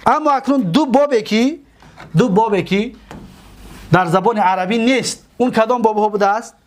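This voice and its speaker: A man with a Tajik accent teaching a grammar lesson, asking questions and answering them himself, and drawing out example words slowly. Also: sits high. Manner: slow, drawn-out on example words.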